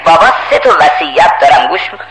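A man's voice: on the high side, very animated. A man preaching a sermon, voicing an obedient, devout young son who speaks earnestly. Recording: echoey hall with crowd.

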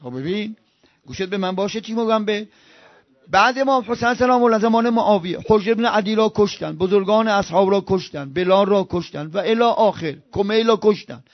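Preaching with passion, this high-voiced man shifts from loud eruptions to quiet murmurs and chants scripture slowly. The recording is muffled and has no room sound.

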